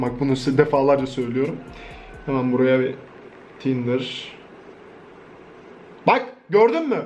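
Joking young Turkish man, high voice. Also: a little hiss or hum. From Turkey. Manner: joking, swears freely, laughs often. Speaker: YouTuber. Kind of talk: casual vlog commentary.

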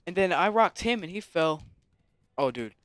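A man giving casual, excitable commentary on his own gameplay, taunting and shouting sound effects. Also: high voice, normal speed, no room sound, clean studio sound. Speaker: gaming commentator. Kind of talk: casual let's-play commentary.

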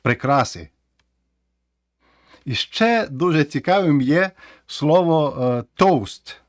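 A man with a Ukrainian accent, teaching English vocabulary in a casual video lesson, explaining slowly and repeating words for practice. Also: fairly high pitch, expressive, no echo, studio quality.

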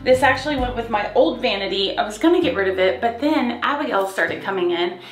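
A woman's voice: a little high, expressive, brisk, soft background music. A woman in her forties, chatty and enthusiastic, giving a casual home office tour to a handheld camera. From Florida. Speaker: vlogger host. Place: home office, indoors, small room. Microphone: handheld camera at arm's length.

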